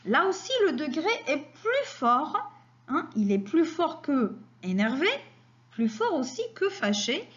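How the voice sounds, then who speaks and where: A woman teaching French vocabulary, speaking slowly and repeating example sentences for learners. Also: high-pitched, muffled recording. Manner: slow and deliberate, repeats words for learners.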